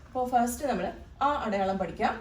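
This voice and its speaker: A woman's voice: medium pitch, lively intonation, darkish tone. Distant, echoey woman tutor. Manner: patient, repeats key sounds slowly. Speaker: Arabic tutor. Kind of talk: teaching lesson.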